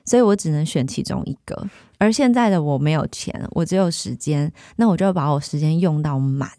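A woman in her thirties with a Taiwanese Mandarin accent, a guest candidly telling her life story in a lively, animated way. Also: deep voice, brisk, no room sound, studio quality.

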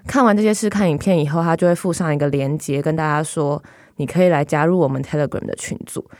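Taiwanese woman reporter chatting on a podcast thru a face mask, deep voice, dry studio sound. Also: fast, a little mellow, no echo. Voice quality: speaking through a face mask. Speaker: journalist guest. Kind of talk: conversational podcast discussion.

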